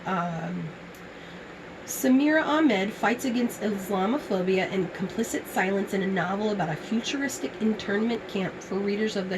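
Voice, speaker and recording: A woman's voice: mid-range voice, noisy background. A woman giving an enthusiastic, casual book haul review, chatting and reading blurbs aloud in a somewhat strained voice. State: strained voice, as she apologizes for it.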